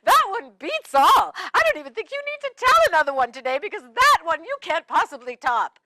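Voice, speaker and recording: Woman doing Mrs Claus: jolly, kindly children's host, sing-song laugh, high voice, dry close sound. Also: sing-song, brisk, bright, forceful tone, dry recording, exaggerated voice. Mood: delighted. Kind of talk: children's show role-play.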